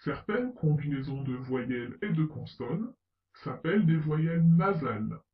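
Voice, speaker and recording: A man with a slightly raised voice narrates a language lesson at an unhurried pace. He sounds set back from the mic in a roomy, echoing space, and the sound is a little dull. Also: fairly high pitch, expressive, distant mic. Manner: slow, deliberate, spelling out letters and example words. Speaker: French pronunciation teacher.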